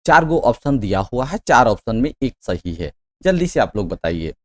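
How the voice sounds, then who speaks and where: A man teaching an exam-prep lesson, reading each question slowly and loudly, then pressing students to answer quickly. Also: mid-range voice, big pitch swings. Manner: frequent "theek hai" checks. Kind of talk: quiz-style lesson.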